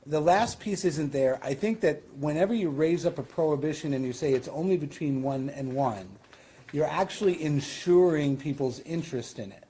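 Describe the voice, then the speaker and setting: A man's voice: fairly high pitch, moderate pace, mellow, a little hiss or hum. A man with a Western New York accent teaching a Talmud class as rabbi, explaining in a conversational way with questions and asides. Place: synagogue classroom.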